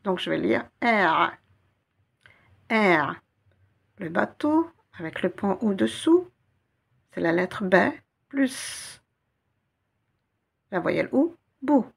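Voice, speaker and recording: Slow, gravelly woman teaching Arabic reading. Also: medium pitch, sing-song. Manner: patient, slow and didactic, repeats syllables. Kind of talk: guided reading lesson.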